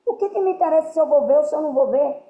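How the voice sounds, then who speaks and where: A woman's voice: high-pitched, very fast. A woman giving earnest spiritual teaching to a group, often checking that her listeners understand. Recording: roomy, dull lo-fi sound.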